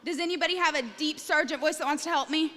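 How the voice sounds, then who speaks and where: A woman leading children at camp, upbeat and coaxing, reciting scripture slowly and loudly. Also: high-pitched, steady tone. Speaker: kids' camp leader. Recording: long hall reverb, faint noise.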